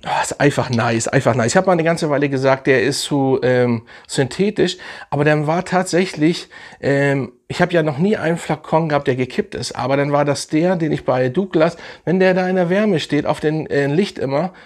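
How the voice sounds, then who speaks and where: A man's voice: on the high side, normal speed. A young man casually reviewing fragrances in a vlog, enthusiastic and slangy, rambling with fillers.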